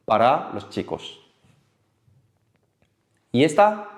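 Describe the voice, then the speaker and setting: Lively man teaching a class. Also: medium pitch, drawn-out words. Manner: lively, patient, repeats words for the class to echo. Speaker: Korean language teacher. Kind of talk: online language lesson. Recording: echoey room with faint noise.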